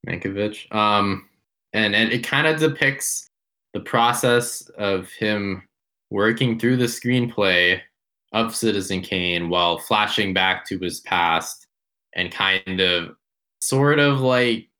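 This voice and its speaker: A man's voice: on the low side, takes it slowly, pushed and bright. A man co-hosting a film podcast, talking casually, rambling and correcting himself as he goes. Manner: rambling, self-correcting, unsure. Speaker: podcast co-host.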